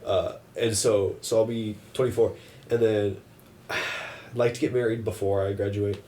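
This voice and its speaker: A man's voice: on the low side, flat delivery, moderate pace, mellow. An eighteen-year-old man co-hosting a podcast, easygoing and jokey in casual chat. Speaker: podcast co-host. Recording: mic at a distance.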